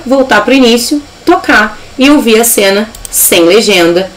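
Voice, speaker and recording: A woman's voice: fairly high pitch, rough recording. A woman with a Brazilian Portuguese accent teaching a live online English lesson, upbeat and explaining step by step.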